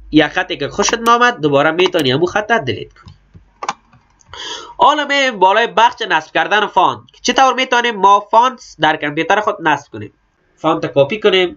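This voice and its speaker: High, bright-voiced Afghan Dari man teaching. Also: a little hiss or hum. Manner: plain, repetitive explaining of each click. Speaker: computer instructor. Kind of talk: step-by-step screen tutorial. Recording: slightly dull lo-fi recording.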